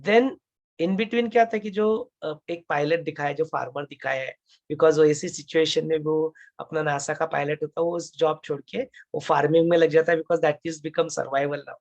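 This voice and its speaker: A man's voice: on the high side, steady tone, moderate pace, darkish tone. A man explaining a film's plot to a discussion group, rambling between Hindi and English with many fillers and restarts. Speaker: spiritual study group speaker. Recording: dull lo-fi sound.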